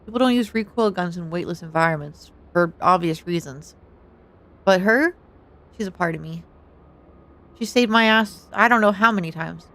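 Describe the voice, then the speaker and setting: A woman voicing a hardened male space cop from a game, reading his lines in a low, wry and reflective tone. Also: normal speed, pauses often, a bit bright.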